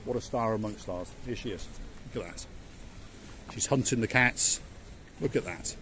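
A chatty, enthusiastic man in his fifties presents a walking travel vlog outdoors at a seaside harbour, filming himself on a phone held at arm's length. His voice is fairly low and sharp in tone, at a normal speed, with a little hiss or hum in the recording.

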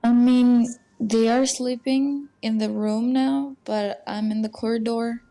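A young university student chatting casually on a video call from an echoing dorm corridor, hedging with "I mean". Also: female voice, fairly high pitch, fairly even intonation, a little slow, warm tone, faint music behind. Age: young adult. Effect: hallway echo around the voice. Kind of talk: casual chat.

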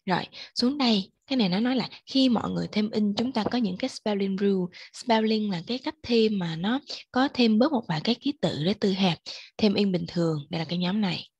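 Husky gravelly-voiced woman tutoring. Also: medium pitch, fairly quick, a little mellow, no room sound. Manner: encouraging, explains step by step. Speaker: English teacher. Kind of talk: patient one-on-one tutoring.

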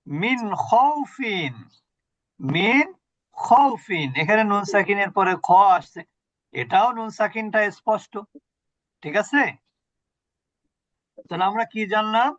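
High-voiced man teaching Quran recitation. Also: unhurried, pauses often, a bit bright, dry recording, muffled recording. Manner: patient, repeats points and quizzes students. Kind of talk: online tajweed lesson.

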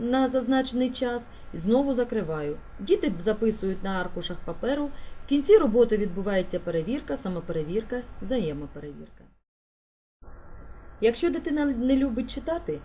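Female primary teacher, calm instructive delivery, moderately high pitch, faint background hiss. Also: low-quality recording. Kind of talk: narrating her teaching method and leading a reading class. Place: classroom.

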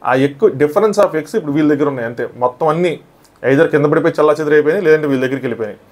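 A man recapping a reality show episode in casual commentary, rushing through events and briefly acting out quoted lines. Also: a little high, a little mellow.

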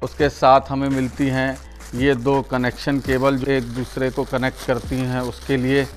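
Soft music plays behind an Indian channel host and product reviewer as he unboxes and demonstrates an item. His mid-range voice has little pitch movement and a normal speed. He explains each step, goes back over his points, and addresses viewers warmly and familiarly.

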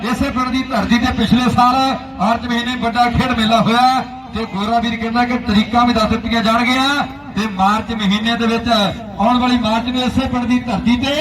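Frantic male kabaddi caller, very high voice. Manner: declamatory, formulaic phrases with folk rhymes. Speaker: kabaddi commentator. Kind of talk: frantic rural sports commentary. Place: outdoor village sports ground. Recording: echoey outdoor PA, distant, crowd noise.

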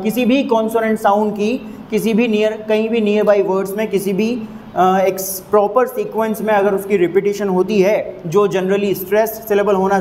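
High-voiced Hindi-accented male teacher. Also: darkish tone, slight background noise, poor audio. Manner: repetitive, emphatic, drills sounds slowly. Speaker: English teacher. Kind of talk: explaining a literary term to students.

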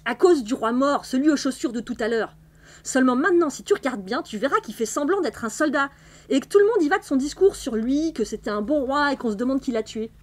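A woman's voice: sits high, animated, a little fast. A woman voicing a chatty old witch who explains things in an assured, matter-of-fact way.

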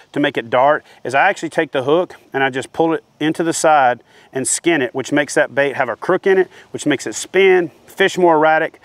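A man's voice: fairly high pitch, no room sound. A man in his forties giving a practical, hands-on fishing lesson to camera outdoors, speaking into a lapel mic. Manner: practical, steady explaining with hands-on demonstration. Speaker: fishing instructor. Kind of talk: instructional talk to camera. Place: outdoors by a wooden shed.

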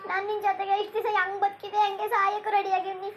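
A woman's voice: extremely high pitch, completely flat delivery, fast, background noise. Woman voicing a tearful, pleading younger sister-in-law. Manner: pleading, sobbing. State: crying. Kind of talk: cartoon voice acting.

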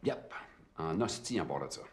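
A man's voice: a bass voice, animated, a little fast, slight background noise. An actor playing a sardonic undercover cop with a Québécois accent, firing back at his questioner. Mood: defiant. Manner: sardonic, swears in French under pressure.

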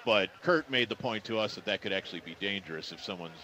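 A man's voice: fairly low pitch, lively intonation, fast, sharp tone, rough recording. Wry male radio host. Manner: wry, drily joking. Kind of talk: casual radio chat.

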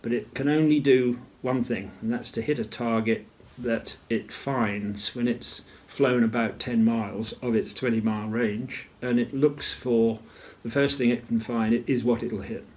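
An older man recalls events at a measured storytelling pace in an interview, often clearing his throat. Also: mid-range voice, fairly even intonation, darkish tone. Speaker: retired naval officer interviewee. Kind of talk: interview recollection.

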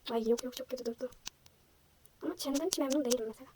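A young woman vlogger chatting casually while she draws, self-deprecating and thinking aloud, her voice slightly hoarse from a sore throat. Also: high voice, rapid-fire, background noise. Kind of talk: casual chat while drawing.

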